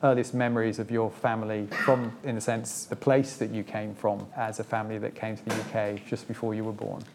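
Music plays in the background as a man with a fairly low, flat voice speaks fairly quickly. He's the host of an evening museum talk, reading a formal introduction of his female guest from notes and then interviewing her before an audience, with a touch of gentle humor.

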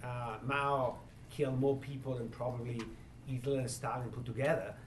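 A man with a strong foreign accent, a professor speaking haltingly as he searches for words in a discussion. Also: mid-range voice, steady tone. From immigrant, from abroad. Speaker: university professor, event host. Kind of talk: panel discussion, answering audience questions. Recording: echoey room, distant mic, faint noise.

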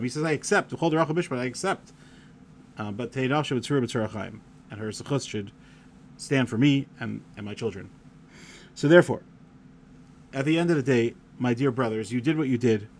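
Male Torah teacher, mid-range pitch, chatty, digressive lecture, reads quotes with feeling, faint room hum. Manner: discursive, sprinkles Hebrew and Yiddish terms; reads quoted letter passages aloud with feeling. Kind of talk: conversational lecture.

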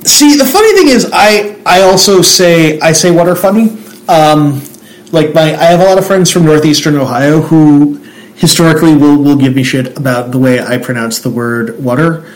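A man's voice: on the high side, moderate pace, rough recording. Rambling man from Central Jersey. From Central New Jersey. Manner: rambling, self-interrupting, many restarts. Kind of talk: casual conversation.

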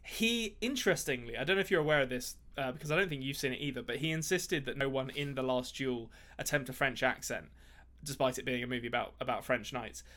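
A man's voice: medium pitch, quick pace, bright, forceful tone. A man co-hosting a podcast, chatting casually about movies in a rambling way with lots of fillers and dry jokes. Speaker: podcast co-host.

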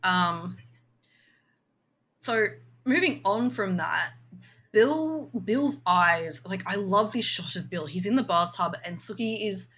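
A woman's voice: medium pitch, lively intonation, slow, a bit bright. A woman co-hosting a casual podcast chat, frank and full of fillers. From Australia. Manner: chatty, filler-heavy, frank. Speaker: podcast co-host.

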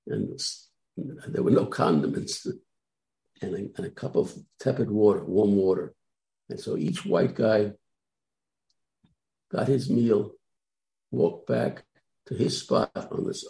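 An older man speaks with a low, gravelly voice and a dark, mellow tone. He tells his memories haltingly, circling back and repeating words as he goes. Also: rough recording. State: tearful at times. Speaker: guest recounting civil rights work. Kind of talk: personal recollection.

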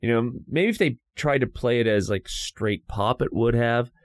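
A man with an American accent chats on a podcast in an easygoing, conversational way. His voice is at a medium pitch, recorded dry and close. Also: animated, moderate pace, no room sound. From United States. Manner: laid-back, conversational. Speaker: podcast co-host. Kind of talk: casual chat.

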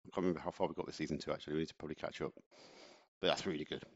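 A man's voice: rumbling low, fairly even intonation, rapid-fire, dull audio. A man co-hosting a casual chat podcast, talking in a chatty, ranting way and laughing often. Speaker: podcast co-host.

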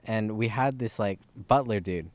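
A man's voice: on the low side, no echo. Rambling man on a podcast mic. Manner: halting and rambling, with many restarts. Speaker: podcast co-host. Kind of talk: casual chat. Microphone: podcast microphone.

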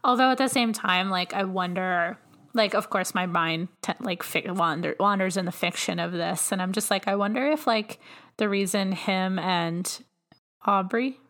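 A woman's voice: medium pitch, normal speed, fairly bright tone. A young woman co-hosting a podcast in casual chat, chatty and opinionated, with skeptical asides. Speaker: podcast co-host.

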